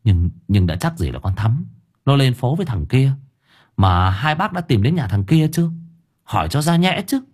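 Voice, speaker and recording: A man's voice: mid-range voice, very animated, normal speed, darkish tone, slightly rough. A man playing a startled young trainee teacher. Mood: shocked. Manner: polite, stammering with surprise.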